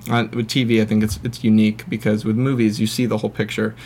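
A man's voice: fairly low pitch, level tone, fast, darkish tone, a little hiss or hum. Rambling young man, chatty actor. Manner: chatty, rambling with many restarts. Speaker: actor guest. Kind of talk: casual chat.

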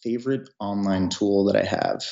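Founder guest in his 30s, lower voice, hesitant, in a roomy room. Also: moderate pace, creaky, warm tone. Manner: hesitant, full of fillers and restarts. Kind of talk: interview answers. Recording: roomy, dull audio.

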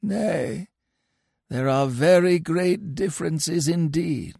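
A sanctimonious old crocodile, put on by a man, pitched higher and louder than the narration. He lingers slowly over each pious phrase, and his voice swoops up and down with gravelly rasp underneath. The sound is close and dry. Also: very animated, no echo, full character voice. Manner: gentle, preachy, drawn-out.

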